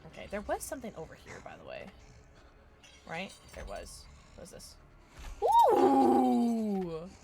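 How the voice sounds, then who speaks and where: A woman livestreaming a game with a cute, high anime-girl voice, chatting with viewers in a playful, excitable, reactive way. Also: a little fast, creaky, pauses often. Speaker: livestream host playing a horror game. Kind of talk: casual livestream chat and game commentary.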